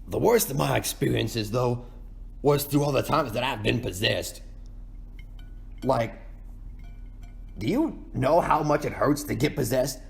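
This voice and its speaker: In a rambling, folksy ASMR roleplay, a man plays a cartoon penguin king who brags and pities himself. He uses a creaky, gravelly voice in the mid range.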